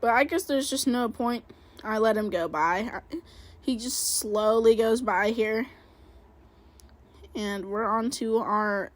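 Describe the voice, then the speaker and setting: A gaming video creator, a woman with a slightly high, bright voice, casually narrates her own racing game as she plays. She rambles, criticizes herself, and leans on lots of fillers.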